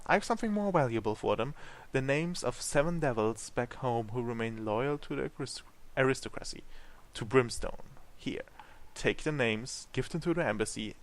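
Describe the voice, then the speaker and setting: A man's voice: mid-range voice, lightly acted. A man voicing a flirtatious exiled female devil while reading game dialogue aloud, with a slight lift in his voice.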